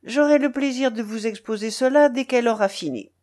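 A woman reading an audiobook and voicing a proud, excitable young man who explains himself eagerly and defensively. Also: fairly high pitch, brisk, voice pushed up, lightly acted. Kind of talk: audiobook character voice.

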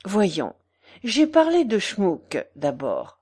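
Weary sick old man, read by a woman narrator; low, slow, pleading. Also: huge pitch swings, warm tone, breathy edge, heavily acted. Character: sick, elderly man, gentle and weary, easily flustered.

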